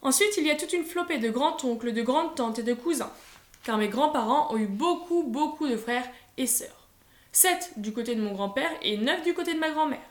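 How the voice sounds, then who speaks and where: High-voiced woman reading a storybook. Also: lively intonation, normal speed. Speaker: audiobook reader. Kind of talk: scripted storybook narration. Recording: roomy echo.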